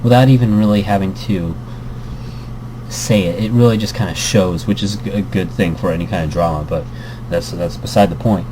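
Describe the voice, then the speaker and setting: A let's player reads a visual novel aloud with casual commentary, rambling, cutting himself off, and tossing in playful asides. His voice sits low at a normal speed, with background noise behind it.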